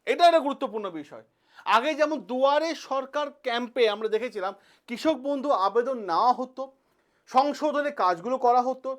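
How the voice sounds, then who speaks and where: A woman hosting a news explainer video. She explains step by step, posing questions and answering them for her viewers. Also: fairly high pitch. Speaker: channel host.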